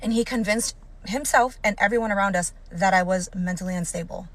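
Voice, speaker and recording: A woman's voice: medium pitch, fairly quick. A woman from Hawaii telling her own story in a candid, blunt way, swearing casually as she goes. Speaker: storytime TikTok creator.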